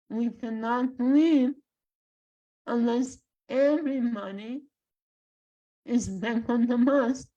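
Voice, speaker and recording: A woman from Bulgaria with a Bulgarian accent, a guest speaking in a measured, halting way with long pauses. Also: on the high side, dark tone, dull audio. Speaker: guest, life coach and spiritual guide. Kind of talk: slow reflective interview talk.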